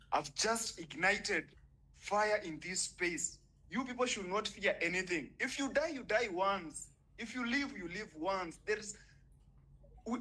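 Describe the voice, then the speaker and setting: Poor audio captures a high-pitched, sharp and husky male voice. It belongs to a young Kenyan man calling into an online audio space, where he gives an impassioned, indignant speech full of swearing.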